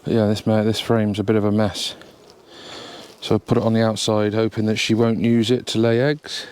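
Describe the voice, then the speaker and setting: An English-accented man, sniffly from hay fever, chats casually while inspecting his beehive in a bee suit out in a grassy apiary. His voice is fairly low, clean, and at a normal speed. The beekeeper sounds relaxed and thinks aloud, recorded by a camera near the hive.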